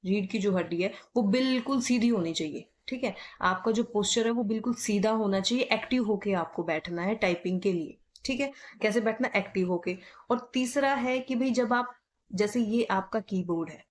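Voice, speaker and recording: A woman with a North Indian Hindi accent teaching typing in a casual spoken tutorial, repeating her points and checking in often. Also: mid-range voice. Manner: repetitive, checks in with "ठीक है"; spells letters out slowly.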